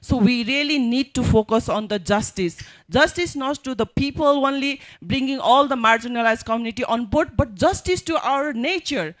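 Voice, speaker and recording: A woman speaks on a panel in a fairly high voice. She makes her case off the cuff, in non-native English phrasing. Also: moderate pace, few pauses. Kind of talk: unscripted advocacy talk at a panel.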